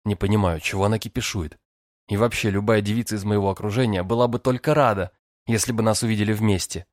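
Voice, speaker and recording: A man's voice: on the low side, steady tone, fast talker, no room sound, clean studio sound. A man narrating an audiobook in the first person, with a cocky, teasing manner.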